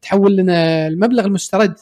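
Fast-talking young Kuwaiti man. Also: sits high, a little mellow. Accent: Kuwaiti Arabic. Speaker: podcast co-host. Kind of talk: casual chat.

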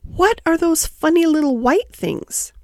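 A woman's voice: extremely high pitch, animated, measured pace, no echo, clean studio sound, pitched above the performer's own voice, exaggerated voice. A woman voicing a curious, forthright little farm girl in a children's storybook, inquisitive and direct. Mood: excited, curious.

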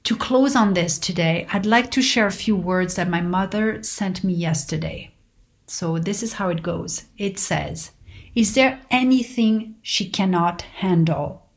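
A woman giving a motivational spiritual talk in a serene, guru-like manner, pausing deliberately between short phrases as she addresses her listeners. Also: fairly low pitch. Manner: addresses listeners directly as friends. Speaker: host sharing personal reflections.

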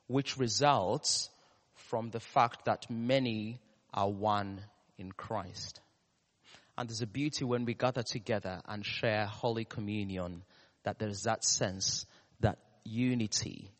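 A man with a Ugandan, East African accent preaching a sermon, putting questions to the congregation, pausing and repeating key words. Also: mid-range voice. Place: large reverberant room, live church service. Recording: echoey hall with long reverb.

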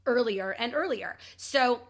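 High-voiced upbeat woman giving advice. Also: a little slow. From Ontario, Canada. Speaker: podcast host and child sleep coach. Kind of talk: advice podcast monologue.

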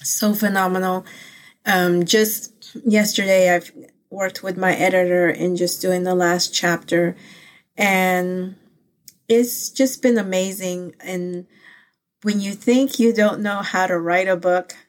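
Born in the Philippines, with Pangasinan and Ilocano as her first languages, a woman hosts her own casual personal faith vlog. Her voice is fairly low and slow, with fairly even intonation. She's earnest and heartfelt, rambling with many fillers and restarts.

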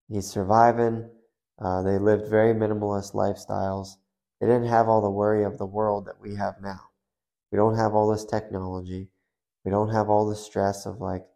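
A man's voice: on the low side, creaky, warm tone. A man hosting his own faith podcast, talking loosely and conversationally through hypotheticals. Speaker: podcast host. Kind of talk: casual faith podcast monologue.

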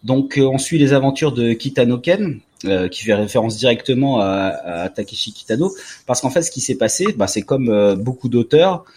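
A man in his forties co-hosting a casual chat, relaxed and talkative with many fillers. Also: medium pitch, normal speed, a little hiss or hum. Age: 40s. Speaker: podcast co-host. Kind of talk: casual chat about manga.

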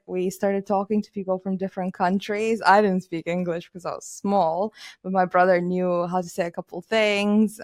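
A woman's voice: mid-range voice, dry recording, studio quality. A woman in her thirties from Romania, chatting as an interview guest with many fillers and frequent laughs. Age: 30s. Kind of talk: casual interview.

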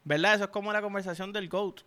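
A young Puerto Rican man with a Puerto Rican accent reacting to music, excitable and emphatic, swearing constantly. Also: sits high, quick pace, clear, resonant tone. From Puerto Rico. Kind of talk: reaction commentary. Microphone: headphones while listening.

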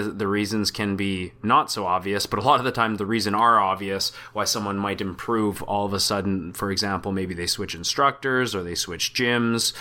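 Bright-voiced, low-pitched rambling man. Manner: rambling, loose storytelling with many fillers. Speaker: podcast co-host. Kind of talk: casual chat.

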